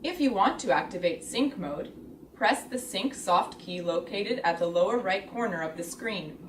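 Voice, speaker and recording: A woman reading a scripted product tutorial in a measured, step-by-step explanatory way. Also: medium pitch, expressive. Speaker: instructional video narrator. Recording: roomy, distant, clearly noisy recording.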